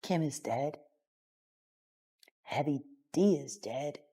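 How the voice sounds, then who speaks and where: A man telling a story slowly and deliberately, with dramatic pauses. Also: fairly high pitch, animated, warm tone, husky. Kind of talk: casual storytelling.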